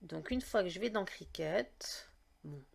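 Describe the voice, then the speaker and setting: A woman's voice: on the low side, animated, measured pace, creaky. A woman hosting a casual step-by-step craft tutorial, chatty and explaining each click as she goes. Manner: chatty, leans on "donc" and "d'accord?".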